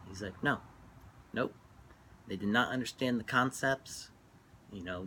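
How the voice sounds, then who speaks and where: A middle-aged man talking casually and reflectively while smoking, halting and trailing off between phrases as he reminisces. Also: fairly low pitch, sharp tone, a little hiss or hum. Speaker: vlogger. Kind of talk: casual rambling monologue, reminiscing.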